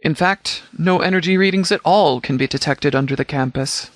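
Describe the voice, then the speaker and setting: A male actor voices a stern, commanding sheriff leading a post-apocalyptic wasteland militia in scripted game dialogue, speaking formally with measured, businesslike authority. His voice is a little high for a man and close to an everyday tone. The recording is dry and close, with no room sound.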